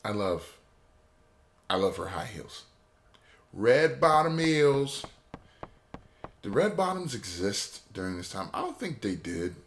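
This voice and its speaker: A man's voice: lowish voice, big pitch swings, takes it slowly, long pauses. A man giving rambling, opinionated and jokey gameplay commentary as a let's play host.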